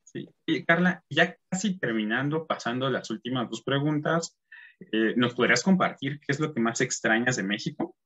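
A man hosting a casual interview, relaxed and agreeable, often clearing his throat, over a video call. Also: mid-range voice, normal speed. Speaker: interviewer and channel host.

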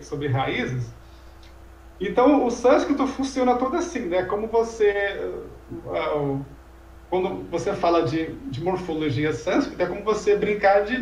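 A man's voice: sits high, darkish tone. A man teaching language in an informal lecture conversation, explaining patiently and asking rhetorical questions. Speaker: Sanskrit teacher. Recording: echoey room, voice from far off mic.

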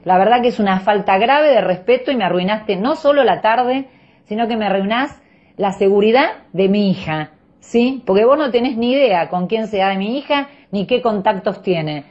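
A woman's voice: mid-range voice, animated, moderate pace. A woman with a posh Buenos Aires Argentine accent, haughty and indignant, scolding someone in a voice message. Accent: Buenos Aires Argentine Spanish. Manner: posh, haughty upper-class way of talking. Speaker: private parent complaining to another parent. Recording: muffled lo-fi phone voice message.

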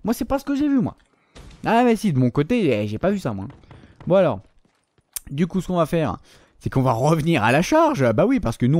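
A man commentating his own shooter gameplay, excitable and swearing often, shouting at opponents. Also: fairly high pitch, a little hiss or hum. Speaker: gaming YouTuber.

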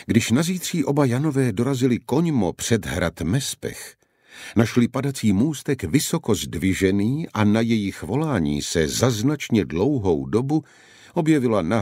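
A man reading a historical novel aloud, with expressive storytelling narration. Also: lowish voice, dry recording. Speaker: audiobook narrator. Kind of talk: scripted narration. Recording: dry close studio mic.

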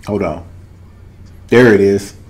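With a lowish, darkish voice, the reaction video host takes things slowly. He's in his thirties, from Arkansas in the United States, and his Southern accent colors casual, emphatic remarks he repeats for weight. He's in a small home room with a cloth-draped backdrop, talking into a desk condenser microphone with headphones on.

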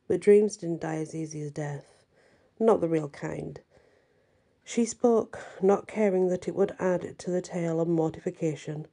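Woman doing soft asmr story narration, really low and dark mellow voice.

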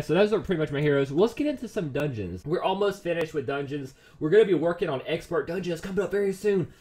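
High-voiced excitable gaming man. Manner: excitable, pleading and exasperated over game luck. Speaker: gaming YouTuber. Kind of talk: let's-play commentary.

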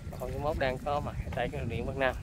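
A man's voice: medium pitch, fairly even intonation, fast talker, noisy background. A man with a Southern Vietnamese accent, chatting casually to his viewers while filming outdoors in the countryside. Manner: chatty, keeps addressing viewers as folks. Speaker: vlogger. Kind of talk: casual on-location vlog chat. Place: rural outdoors near buffalo and water.

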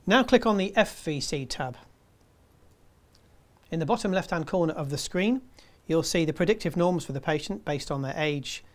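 A man in his fifties presenting a scripted tutorial in a measured, step-by-step way. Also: fairly high pitch, animated. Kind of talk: scripted instructional narration.

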